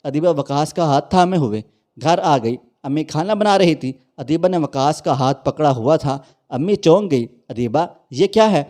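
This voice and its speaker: A man narrates a dramatic moral story in an emotional, preachy way. His voice sits a little high but sounds mellow and soft.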